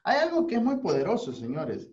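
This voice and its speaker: A man's voice: sits high, wildly swooping pitch, brisk, darkish tone. A man hosting a radio talk, speaking in an earnest, preacher-like way about faith and support. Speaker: radio host. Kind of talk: casual spiritual talk. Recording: dull lo-fi audio.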